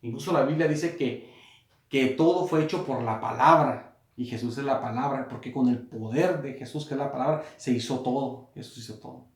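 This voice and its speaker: A male pastor gives a sermon from a small room, his mid-range voice ringing off the walls. He repeats and rephrases as he goes, and swells to loud emphasis whenever he reaches a quoted line. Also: mid-range voice, normal speed, echoey room.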